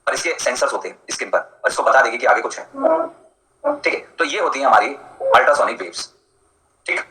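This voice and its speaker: A man's voice: mid-range voice, animated, brisk, sharp tone, roomy sound, slight background noise, rough recording. A male teacher giving a live online lecture in a chatty, jokey way, answering students by name as he explains.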